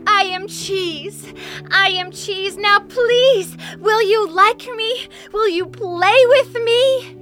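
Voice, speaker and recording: A woman's voice: very high-pitched, takes it slowly, fairly bright tone, faint music behind, voice pushed up, full character voice. A woman voicing a lonely, sad female moon who whimpers and pleads in a tearful way. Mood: hopeful. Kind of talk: storytelling with character voices.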